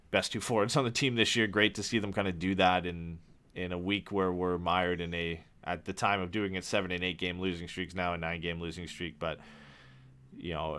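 A man's voice: low voice, fairly bright tone. A man co-hosting a sports podcast, casually chatting and rattling off player statistics. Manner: rattles off stats, loose and chatty. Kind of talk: casual chat.

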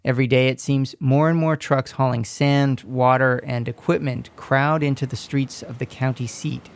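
A man narrating a scripted radio feature report in a measured, descriptive way. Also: medium pitch, steady tone, creaky, a little hiss or hum.

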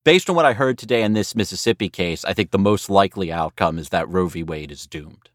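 A man's voice: low-pitched, brisk, no room sound, clean studio sound. An American man speaking as a legal correspondent, explaining things emphatically in an interview.

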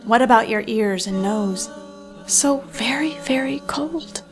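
An actress playing a smooth, sinister corporate woman hosting a radio show in an audio drama, coolly persuasive, with faint music behind her. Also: on the high side, lively intonation, takes it slowly. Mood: silky menace.

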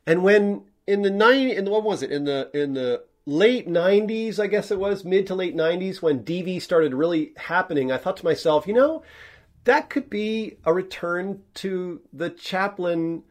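A man's voice: high voice, moderate pace. A man hosting his own podcast, talking alone in a rambling, candid way, with many restarts and fillers. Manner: candid and self-reflective, sometimes swearing. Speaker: podcast host and filmmaker. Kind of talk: rambling solo podcast monologue.

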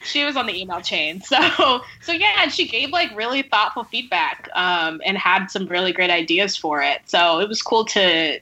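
A guest novelist and screenwriter with a lowish, bright, forceful voice chats in a casual podcast interview. She's conversational, sprinkling in plenty of "like" and "sort of," and the recording is rough.

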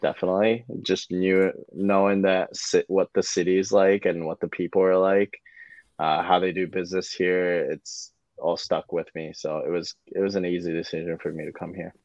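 A man's voice: low-pitched, flat delivery, moderate pace, darkish tone, no room sound. A young man in his twenties, a native Japanese speaker with a North American accent, answering interview questions hesitantly as a guest ice hockey player. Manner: hesitant, many fillers and restarts. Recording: dull lo-fi.

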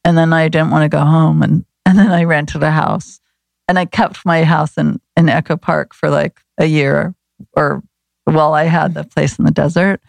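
A woman's voice: deep voice, level tone, normal speed, vocal fry, no room sound. A woman who grew up in Los Angeles, a guest chatting casually, rambling with many fillers and restarts. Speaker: guest, flower remedy practitioner. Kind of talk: casual conversation.

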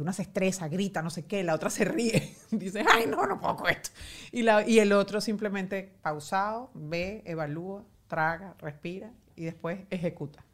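A woman in her forties, a journalist guest, talking candidly and lively about her children, mocking herself and acting out what her family says. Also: on the low side. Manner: animated, self-mocking, quotes family in acted asides. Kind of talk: candid conversational interview. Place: home pantry.

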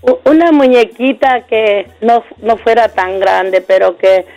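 A middle-aged woman sharing a childhood memory on a radio show, soft and wistful. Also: fairly high pitch, a little slow, dry recording, dull audio, soft background music. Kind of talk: storytelling on air.

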